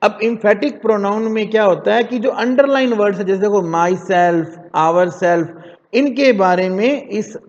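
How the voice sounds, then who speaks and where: A man teaching a children's English lesson, saying words slowly so pupils can repeat them after him. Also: high-pitched, long reverb tail, muffled recording.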